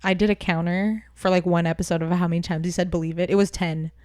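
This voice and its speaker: A young woman co-hosts a casual podcast, teasing and laughing freely. She often drops her voice to soft mumbled asides. The sound is dry and close, with no room around it. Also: lowish voice, steady tone, fast talker, dry recording. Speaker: podcast co-host. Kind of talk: casual chat.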